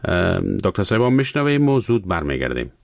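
A man with an Afghan Dari accent hosting a radio call-in show, relaying listener questions in a measured way. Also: deep voice, very animated, vocal fry, no echo, studio quality.

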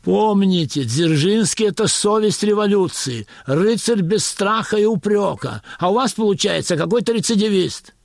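A stiff, self-important officer sums up a rehearsal in a lecturing tone, as a man reads him. The voice sits fairly high and the recording is dry. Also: lively intonation, moderate pace, creaky, few pauses, dry recording. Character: pompous army political officer directing play.

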